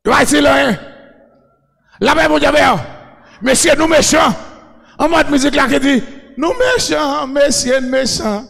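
A man with a Haitian accent preaching a shouted sermon, chanting and repeating a refrain over and over. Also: very high-pitched, normal speed, gravelly, pauses often. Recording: long echoing reverb.

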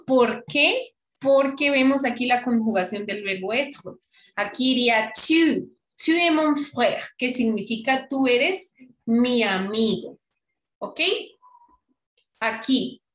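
A woman's voice: on the high side, slow, reverberant. A woman teaching a French class online, explaining patiently and often checking that students follow. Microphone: computer mic on video call.

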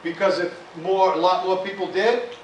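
A man preaching in a church with a slightly high voice and a loose, conversational delivery, often punctuated with "amen" and "hallelujah." The sound is picked up from a distance in a roomy sanctuary, with a faint hiss underneath. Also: fairly even intonation, normal speed, highs cut off. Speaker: pastor. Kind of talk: sermon. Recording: echoey church room, voice from far off, faint hiss.

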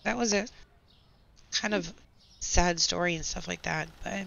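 A woman's voice: lowish voice, measured pace, gravelly, fairly bright tone. A woman hosting a gaming channel, telling a long, candid work story in casual talk over gameplay. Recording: slightly dull lo-fi audio.

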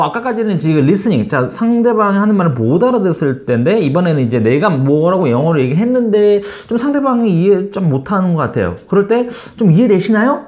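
A man teaching English phrases to Korean learners, coaching warmly and repeating each phrase slowly. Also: high-pitched, muffled recording. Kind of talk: online English lesson.

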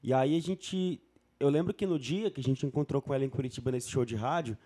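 A man from Brasília, a singer, chatting casually as a guest and telling stories in a relaxed way. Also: mid-range voice, fairly quick. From Brasília, Brazil. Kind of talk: casual chat.

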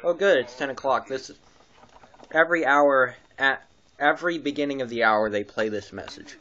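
With a handheld camera mic picking up his voice from behind the lens, a weather radio hobbyist and vlogger talks casually in a room at home, rambling with hesitations and self-corrections. He speaks at medium pitch and normal speed, sounding pushed and bright. The audio is muffled and carries a background hiss.

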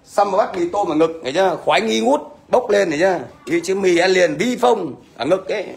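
A man's voice: sits high, expressive, a little fast, creaky, breathy edge. A middle-aged man with a Northern Vietnamese accent, ranting at a commenter on a livestream in a blunt, scolding way and often asking "thấy chưa?". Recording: faint background noise.

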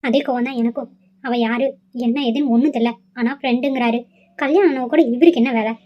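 A woman's voice: on the high side, fast talker, pitched below the performer's own voice, lightly acted. A woman voicing an irritated young fiancée who complains and sulks, in a cartoon. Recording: slightly dull lo-fi audio.

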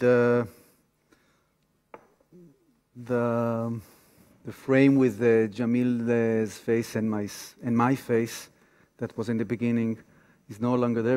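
An activist guest lecturer from Tel Aviv, Israel, speaks haltingly in a mid-range voice from the stage of a large theater auditorium. His informal public lecture mixes in personal stories, and the hall is reverberant.

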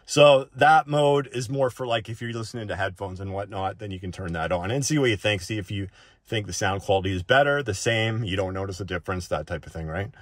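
Talking a little fast in a fairly low voice, a tech reviewer presents an informal, unscripted walk-through of settings, often checking in with the listener and ending points with "right?" The audio is studio quality with no echo.

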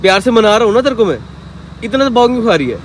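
Here the young driver's very high voice is sing-song and very fast as he casually vlogs, coaxing and teasing his girlfriend and then losing patience. He's in his twenties, and faint outdoor traffic plus car and street noise can be heard.

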